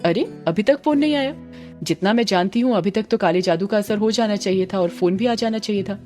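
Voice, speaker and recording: A harsh middle-aged mother who scolds and commands her daughter in an audio storybook, put on by a woman narrator. Her voice sits at an ordinary pitch for a woman, with soft plucked guitar music underneath. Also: brisk, lightly acted. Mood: scolding.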